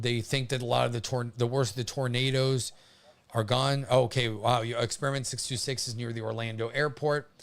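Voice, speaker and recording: A man hosting a livestream, giving casual storm commentary in an informal, halting way, often pausing to hesitate. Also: mid-range voice, clear, resonant tone. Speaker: livestream host covering a hurricane.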